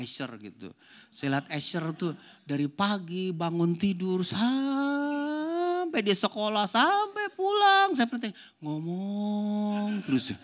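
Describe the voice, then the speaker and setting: An older pastor with a high-pitched voice preaches a sermon and tells a family story. He swings between loud, emphatic lines and hushed, soft passages.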